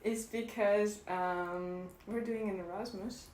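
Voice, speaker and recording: Young woman, podcast guest, giggly and hesitant, mid-pitched, roomy room with faint noise. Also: steady tone, takes it slowly, a little mellow. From Hungary. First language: Hungarian. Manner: giggly, hesitant with many ums. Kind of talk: casual chat. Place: bedroom.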